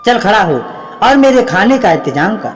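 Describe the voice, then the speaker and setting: A man's voice: high-pitched, sing-song, moderate pace. A man voicing a cunning, fussy village merchant in a storybook tale, speaking in a demanding, complaining way. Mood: indignant. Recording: long reverb, faint background music.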